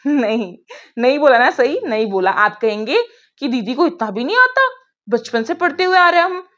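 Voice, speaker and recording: A woman's voice: sits high, very animated, normal speed, bright, forceful tone. A young woman teaching an online grammar class, chatty, asking her pupils questions and answering them herself. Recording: dull lo-fi sound.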